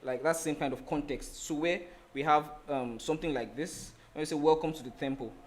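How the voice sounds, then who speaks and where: A man's voice: fairly high pitch, normal speed. A man teaching a design lesson over a screen share. He explains in a loose, rambling way, restarting sentences and leaning on "like" as he thinks. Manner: rambling, with many restarts and "like" fillers. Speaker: design instructor.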